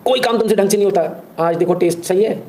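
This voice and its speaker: A bossy, scolding lady of the house nags her cook in a shrill, raised voice, as a man puts her on. The tone sits well above his own, sneering and mocking. A faint hiss of background noise runs underneath. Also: fast talker, a little mellow, natural voice. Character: scolding, bossy woman employer.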